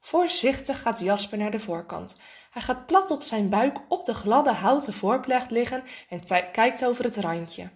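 A woman reading a children's storybook aloud in a lively way, acting out the characters' lines. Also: measured pace. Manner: lively, voices the characters' lines with raised pitch. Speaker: narrator.

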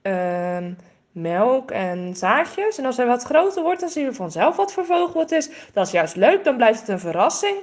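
A woman's voice: fairly high pitch, big pitch swings, moderate pace, darkish tone. A woman voicing an eager, caring young girl in a storybook reading.

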